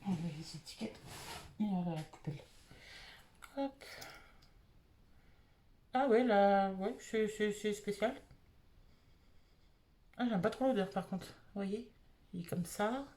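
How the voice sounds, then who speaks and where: A woman's voice: medium pitch, slow pace, pauses often, warm tone. A married woman from France, casually reviewing beauty products she bought and thinking aloud with lots of fillers. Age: adult, married. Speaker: beauty vlogger.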